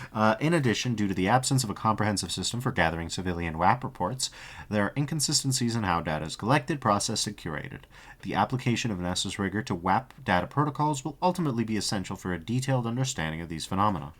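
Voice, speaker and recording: A man's voice: lowish voice, fairly bright tone. A man streaming, reading a dry report aloud and breaking off for profane, jokey asides.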